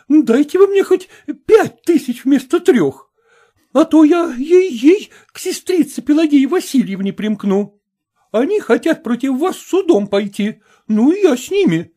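A woman's voice: high voice, warm tone, voice pushed up. A woman reading a story aloud, voicing a greedy old spinster who pleads and whines for more money. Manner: whining, pleading.

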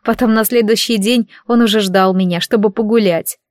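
A woman's voice: mid-range voice, steady tone, a little fast, a little mellow, no room sound, clean studio sound, natural voice. A woman reading the lines of a tearful teenage girl from a village who keeps crying while she talks. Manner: sobbing, pleading.

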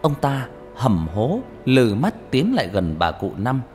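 A man narrating a horror story in an expressive, dramatic audiobook style, with reverb and background music. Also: mid-range voice, a little slow.

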